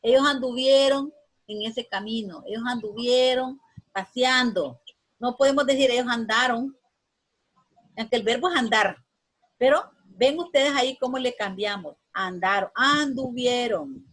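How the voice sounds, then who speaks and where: A woman teacher giving a grammar lesson, patiently repeating words slowly for her students. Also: on the high side, a bit bright, poor audio.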